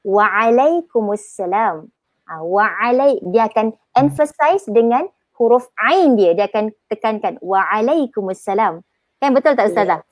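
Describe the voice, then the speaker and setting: A woman with a Malaysian Malay accent teaching Arabic pronunciation in a live online lesson, chatty, drawing example words out slowly. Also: fairly high pitch, animated, no echo.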